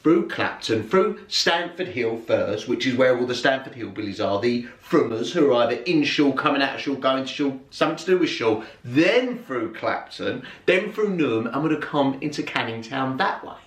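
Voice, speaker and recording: A man storyteller from England performing a spoken story with lively, rhythmic repetition. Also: mid-range voice, moderate pace, few pauses. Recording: roomy, from far off.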